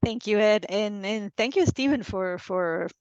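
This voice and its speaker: Woman, 40s, consultant guest, halting, dull dry call audio. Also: mid-range voice, darkish tone, smooth, dry recording. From Venezuela. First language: Spanish. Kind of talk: casual video-call interview. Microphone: video call.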